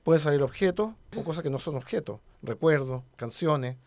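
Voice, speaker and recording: A man hosting a radio interview, brisk and affirming. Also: fairly high pitch, animated, darkish tone, no echo. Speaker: radio host.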